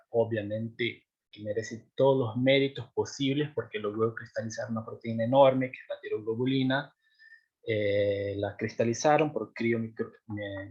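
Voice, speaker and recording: This young adult man, a native Portuguese speaker doing doctoral research, presents his work in a seminar in a mid-range voice with a breathy edge; the recording lacks high frequencies. He's hesitant, full of fillers and restarts, frequently asking if he's understood.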